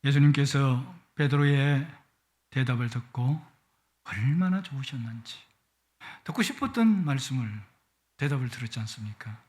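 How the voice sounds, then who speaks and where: A man's voice: medium pitch, expressive, moderate pace, a little mellow. A middle-aged man preaching a Sunday sermon in a church, with a playful manner that swells with emotion. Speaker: guest pastor. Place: church sanctuary.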